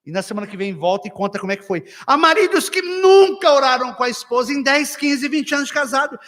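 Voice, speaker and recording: Animated pastor preaching in a reverberant hall. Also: male voice, extremely high pitch, quick pace. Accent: Brazilian Portuguese. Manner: animated storytelling with acted quotes and sudden loud bursts. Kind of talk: lively sermon at a couples' retreat. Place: church hall.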